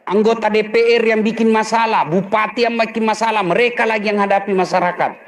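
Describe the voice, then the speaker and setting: A man's voice: sits high, steady tone, brisk. A middle-aged man, preaching a humorous sermon, joking and acting out husband and wife voices.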